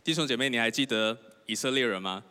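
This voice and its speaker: In a church hall with long reverb, a young man preaches a sermon built on personal testimony, earnestly recounting his own story and repeatedly questioning the congregation. His mid-range voice is quick, bright, pushed, and clean.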